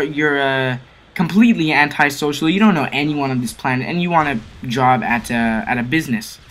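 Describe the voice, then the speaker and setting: A teenage boy making a gaming commentary video rants over his gameplay, lecturing viewers in a rambling, preachy way and often stumbling before correcting himself. His voice is a little high with a fairly bright tone.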